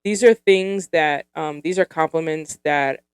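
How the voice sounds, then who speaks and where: A woman's voice: deep voice, measured pace, clear, resonant tone, no room sound. A woman in her thirties hosting a solo podcast, chatting casually and giggling, with lots of fillers as she goes. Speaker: podcast host.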